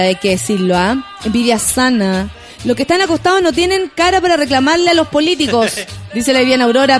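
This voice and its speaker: Chilean woman, young, high voice, playful radio host, faint music under her. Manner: chatty, playful, laughs often. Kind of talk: casual radio chat reading listener messages.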